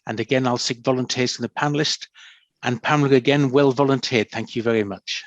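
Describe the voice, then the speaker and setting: Courteous male moderator, mid-pitched, on dry, muffled call audio. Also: fairly even intonation, no room sound. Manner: polite, measured, reads questions out. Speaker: debate moderator. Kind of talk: chairing a panel Q&A. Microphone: video call.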